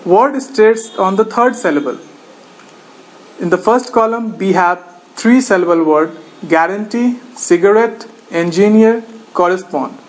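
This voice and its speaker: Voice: medium pitch, unhurried, rough recording. A teacher giving a recorded lecture, methodically reading out lists of example words one at a time.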